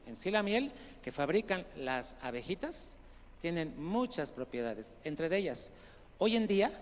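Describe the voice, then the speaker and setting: A male pastor preaching a sermon, swinging from quiet asides to loud, rising outbursts and questioning his congregation directly. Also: on the high side, a little hiss or hum. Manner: addresses listeners as brother, asks questions of the congregation. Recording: long hall reverb.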